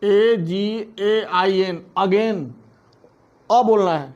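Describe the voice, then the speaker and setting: A man with a high voice teaches phonics at a very slow, deliberate pace. He spells each word letter by letter before saying it. The recording sounds dull and lo-fi. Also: a little mellow. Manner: spells words letter by letter, then says them slowly. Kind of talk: phonics lesson.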